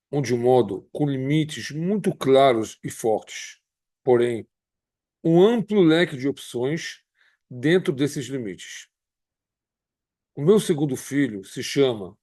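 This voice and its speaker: A man in his fifties with a Carioca Brazilian accent, a rabbi giving a personal testimony in a measured, earnest way with frequent pauses. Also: mid-range voice, dark tone, dry recording, studio quality. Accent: Carioca Brazilian Portuguese. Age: 50s. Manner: measured, earnest, pauses often between phrases.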